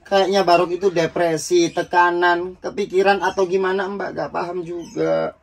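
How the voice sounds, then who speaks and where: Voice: mid-range voice, little pitch movement, normal speed, creaky. A performer voicing a fretful older sister in a comedy sketch. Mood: worried. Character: worried older sister Lela, young adult woman.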